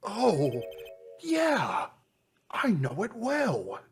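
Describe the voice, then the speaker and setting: Man putting on a halting, high-pitched timid old man. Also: huge pitch swings, husky, exaggerated voice. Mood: hesitant. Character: timid, hesitant old male painter. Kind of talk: reading video game dialogue aloud.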